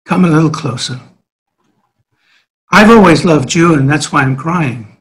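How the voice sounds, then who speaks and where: A man voicing God as a tender, sorrowful fatherly figure who speaks gently and pleadingly. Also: a little high, measured pace, slightly rough. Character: God, a loving, grieving fatherly male deity.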